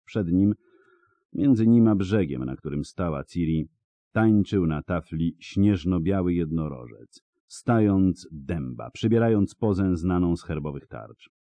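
A man reading a fantasy novel aloud as an audiobook narrator, in a dramatic, expressive storytelling manner. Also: low voice, unhurried, dry recording.

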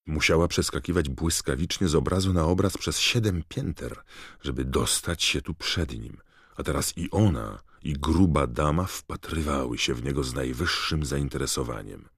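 Very deep, gravelly male narrator. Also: normal speed, no echo, clean studio sound. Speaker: audiobook narrator. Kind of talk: scripted narration.

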